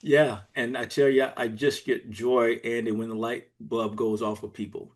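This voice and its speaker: An executive coach from Georgia, USA, speaks as a guest on a podcast interview, explaining things earnestly and step by step. His medium-pitched voice has little pitch movement and a moderate pace.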